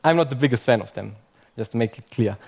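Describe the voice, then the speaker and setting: His voice is mid-range with lively intonation, vocal fry, a breathy edge, and a slightly mellow quality, and he talks fast. This young conference speaker addresses a live audience in English, not his first language, in a chatty, self-deprecating style, often closing with "okay?".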